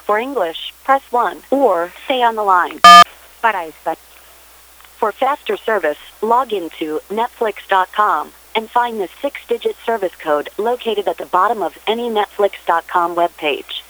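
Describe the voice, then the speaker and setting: A woman reading scripted automated phone menu prompts in a measured, recorded-announcement manner. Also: mid-range voice, lively intonation, background noise.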